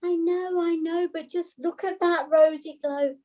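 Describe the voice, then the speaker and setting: A woman's voice: extremely high pitch, fairly even intonation, measured pace, dark tone. Borisina, a woman playing a cooing matchmaker. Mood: doting. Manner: cooing, doting. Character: meddling matchmaking fairy figure, doting. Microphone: video call.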